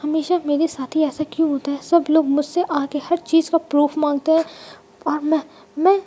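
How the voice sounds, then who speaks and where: A woman's voice: high voice, little pitch movement, moderate pace, lightly acted. A woman voicing an innocent young man, tender and easily hurt. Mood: tearful. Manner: tearful pleading, then softly soothing.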